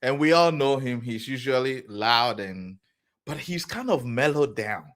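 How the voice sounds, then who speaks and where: A male boxing show host interviews his guest casually and teases her along the way. His pitch moves around a lot as he talks. His voice comes across bright. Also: measured pace. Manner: lively, laughs and teases the guest.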